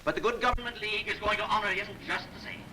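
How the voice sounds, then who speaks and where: In a high, racing voice with a crowd behind him, an actor plays a formal civic chairman delivering a declamatory 1930s film speech, solemn and rousing, in the style of banquet oratory. His voice sounds disembodied, as if coming over a car radio, and the recording is a noisy, distant 1930s film soundtrack.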